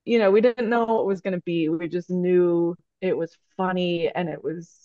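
A stop motion animator, appearing as a guest in a casual interview, tells a long, rambling story full of fillers and restarts. Her voice is fairly low, warm and fairly even at normal speed, captured in dry, dull lo-fi podcast audio with no echo.

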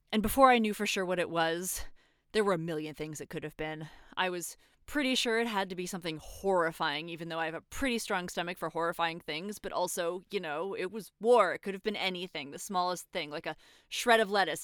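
A woman's voice: fairly low pitch, fairly bright tone, smooth, no room sound, studio quality, natural voice. A woman playing a guilt-torn ex-soldier confessing. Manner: halting, sweary, spirals into panic. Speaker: caller confessing to a priest. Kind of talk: audio drama acting.

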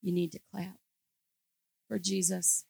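A woman preacher with a gravelly edge to her voice, telling a story to her congregation. She speaks emphatically and pushes toward forceful declarations. The sound is dry and close. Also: fairly low pitch, flat delivery, slow, no room sound, rough recording. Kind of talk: storytelling sermon.

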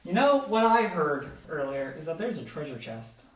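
A man's voice: a little high, sing-song, normal speed, fairly bright tone. Distant man in an echoey room. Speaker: player. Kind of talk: casual tabletop play. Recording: echoey room, far from mic, noisy.

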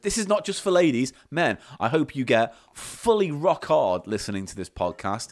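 A slightly tipsy middle-aged man co-hosts a bawdy podcast, giggling, teasing and talking crudely in a sing-song, mid-range voice at a moderate pace.

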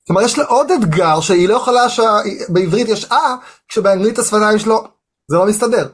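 A man's voice: high voice, husky. A man with an Israeli accent interviewing a guest in a conversational way as host.

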